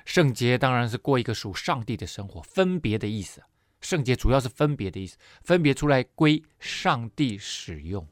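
A man preaching, telling a personal testimony in an expressive, emotional storytelling way with many fillers. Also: mid-range voice, moderate pace, no room sound, studio quality. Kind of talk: sermon testimony.

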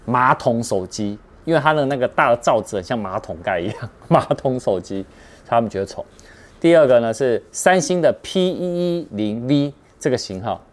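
A man's voice: medium pitch, lively intonation, moderate pace. A man with a Taiwanese accent hosting a tech news and deals rundown in a conversational way, speaking straight to listeners. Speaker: host of a tech news show. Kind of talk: casual scripted news rundown with shopping deals.

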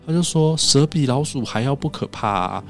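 A man telling stories in a casual podcast chat in a recording studio, animated and acting out the other people's lines. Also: medium pitch, moderate pace, creaky, faint music behind. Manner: animated, acts out quoted dialogue.

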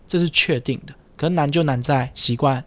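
A man's voice: a little high, brisk. A man, a speech therapist hosting a casual podcast chat, explaining patiently and teasing his co-host. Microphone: studio mic with headphones.

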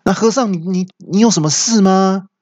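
A man's voice: no echo, dull audio. A man voicing a brash, boastful male martial-arts thug who bellows his move names. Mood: taunting. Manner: shrill, bragging, yells move names slowly.

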